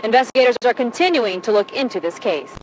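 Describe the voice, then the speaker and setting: A woman's voice: fairly high pitch, expressive, fast talker, over loud music, close to an everyday voice, rough recording. A woman playing a formal television news anchor reading a report.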